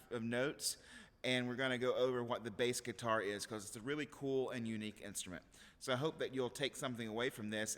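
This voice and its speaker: A man teaching a children's Sunday school lesson in a church, explaining patiently and clearly to kids. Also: medium pitch, sharp tone. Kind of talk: kid-friendly lesson talk. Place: large church sanctuary. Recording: echoey hall, recorded from far off.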